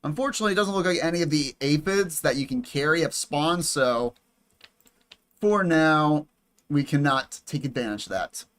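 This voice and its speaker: A young man giving casual, excitable commentary over a strategy game, swearing and chatting with viewers. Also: fairly high pitch, moderate pace. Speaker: gaming YouTuber.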